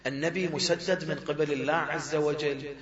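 Impassioned preacher in an echoing hall. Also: male voice, on the high side, fairly even intonation, normal speed. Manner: impassioned, swells to loud emphatic cries. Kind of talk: religious sermon. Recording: echoey hall, dull lo-fi sound, crowd.

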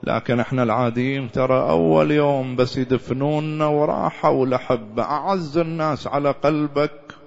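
A man with an Iraqi accent preaching a mourning sermon, swinging from loud to hushed and sometimes breaking into a chant. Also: mid-range voice, fairly quick, vocal fry, dull audio.

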